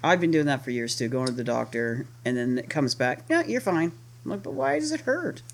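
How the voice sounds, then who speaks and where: Woman, chat show co-host, laughs a lot, swears, very lively melody. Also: extremely low pitch, brisk, slight background noise. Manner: laughs often, lively and profane. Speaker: podcast co-host. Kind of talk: casual chat.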